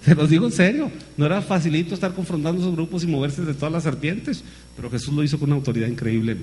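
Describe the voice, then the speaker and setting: A man's voice: fairly high pitch, fast talker, slight background noise. A man preaching a sermon, calling his listeners brother and asking them rhetorical questions. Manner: lively, calls listeners "hermano", many rhetorical questions.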